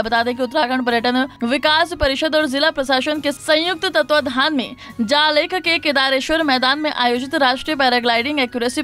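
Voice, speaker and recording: A woman reading a scripted Hindi news report as voice-over narrator in a formal, even tone. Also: high voice. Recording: voice-over with faint music behind.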